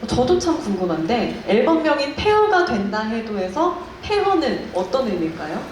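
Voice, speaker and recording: A woman's voice: fairly high pitch, big pitch swings, normal speed, a little mellow. A woman hosting a press event in a polished, polite and formal presenter's manner, speaking articulately. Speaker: showcase host. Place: indoor press showcase venue. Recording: very echoey hall, faint noise.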